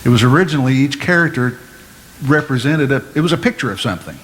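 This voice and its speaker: A male pastor giving a measured, explanatory Bible-teaching sermon, asking his listeners questions as he goes. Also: mid-range voice, expressive, fairly bright tone. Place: church sanctuary. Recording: long hall reverb, faint room noise.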